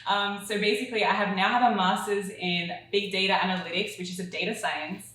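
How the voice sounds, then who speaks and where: A woman's voice: mid-range voice, fairly even intonation, a little fast, a bit bright, heavy reverb, a little hiss or hum, rough recording. Giggly woman with an Australian accent. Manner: giggly, chatty. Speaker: guest. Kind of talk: casual interview.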